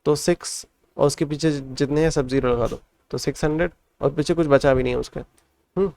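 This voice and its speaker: A man's voice: fairly high pitch, steady tone, a little fast, vocal fry, darkish tone. A man tutoring a math lesson step by step, counting digits aloud and explaining patiently.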